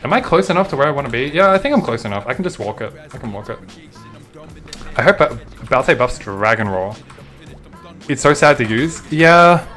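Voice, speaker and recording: Casual Australian guy, young, mid-pitched, easygoing game streamer who curses offhand. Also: expressive, brisk, fairly bright tone, soft background music. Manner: chatty, laid-back, swears casually. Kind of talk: casual gameplay commentary, answering chat.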